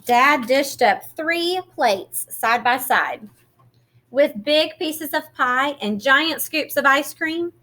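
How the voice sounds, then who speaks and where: A woman with a very bright, fairly high voice reads a picture book aloud for children. She is expressive and teacherly, moving between storytelling and simple questions for her young listeners. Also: slow.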